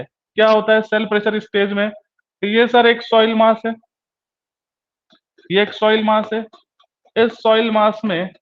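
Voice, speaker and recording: Man lecturing, high voice, repeats terms, asks own questions, dull lo-fi sound. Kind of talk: classroom lecture. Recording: dull lo-fi recording.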